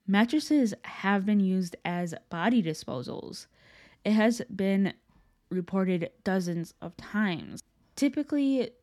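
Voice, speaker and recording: A woman's voice: medium pitch, warm tone. A young adult woman telling urban legends as a podcast host in a casual, conversational way with informal asides.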